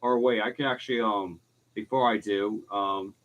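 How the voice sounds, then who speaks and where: A man hosting amateur live severe weather coverage, relaying terse radio-style updates in a halting way, often repeating and restarting his phrases. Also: lowish voice, steady tone, fairly bright tone, lo-fi sound. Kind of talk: improvised live storm coverage commentary.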